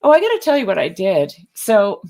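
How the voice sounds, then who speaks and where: A chatty woman talks in a relaxed, casual way, winding through a personal story with frequent restarts. Her voice sits at an ordinary middle pitch for a woman. She comes across as an easygoing podcast co-host. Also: fairly quick. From Canada. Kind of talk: casual chat.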